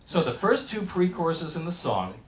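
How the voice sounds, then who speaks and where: Song excerpts play faintly in a lecture hall while a man gives an explanatory, enthusiastic class on the construction of a hit song, talking over the examples. His pitch is fairly high, his delivery very animated, his pace moderate. The recording is low quality, echoey, and captured from afar.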